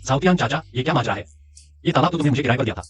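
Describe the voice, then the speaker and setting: A man's voice: mid-range voice, lively intonation, rapid-fire, breathy edge, dry recording, dull audio, faint music behind. A man voicing a shrewd young man who stands up to a bully and plans his revenge in a dubbed drama. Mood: defiant. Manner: defiant, determined.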